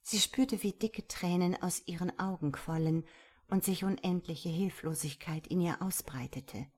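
A woman narrating a sad story in a soft voice, turning hushed at emotional moments. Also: fairly low pitch, unhurried. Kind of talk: storybook reading.

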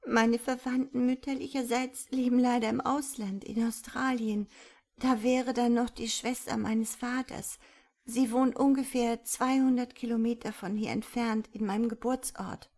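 Woman playing a young girl, crying, high pleading voice, grieving, storybook. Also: steady tone, unhurried, a little mellow. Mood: composed.

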